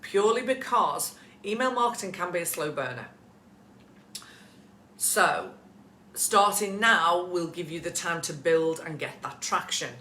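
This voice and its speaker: A woman's voice: on the low side, expressive, a little slow, sharp tone, roomy sound, a little hiss or hum. A woman coaching photographers in a casual live session from home, chatty and encouraging, addressing viewers by name. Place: at home with pets nearby.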